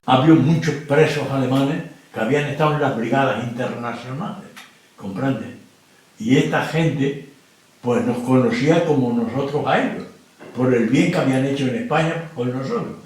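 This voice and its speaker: A man's voice: mid-range voice, moderate pace, darkish tone. A very old man from Spain giving documentary testimony, plain-spoken and often checking that the listener understands. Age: older. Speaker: interviewee. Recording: very echoey room.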